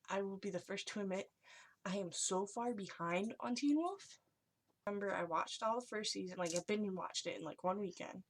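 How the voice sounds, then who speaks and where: A young woman speaks in a hushed, whispery manner, as though passing on secrets. She sits at a middle pitch for a woman. Her delivery is that of a casual vlogger, reading short lines and chatting about them. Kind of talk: casual chat, reading and reacting to short messages.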